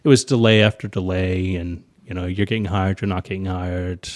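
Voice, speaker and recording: A man with a Northern Irish accent, an airline pilot guest in a casual interview, telling stories animatedly and acting out the people he quotes. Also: fairly quick. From Northern Ireland. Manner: animated storyteller, acts out quoted voices with big pitch jumps.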